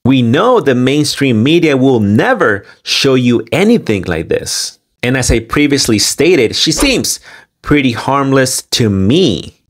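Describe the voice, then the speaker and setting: Man, mid-range voice, slow pace, emphatic pauses, commentary host delivery. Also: medium pitch. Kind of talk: scripted commentary with loose running translation.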